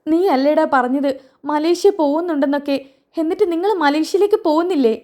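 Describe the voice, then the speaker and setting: A caring old grandmother fusses over her family in a high, bright voice, put on by a woman narrating. She scolds and comforts by turns, her tone climbing well above an everyday speaking voice. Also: fast, lightly acted. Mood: fond, scolding. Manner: fussing, scolding, high and lively.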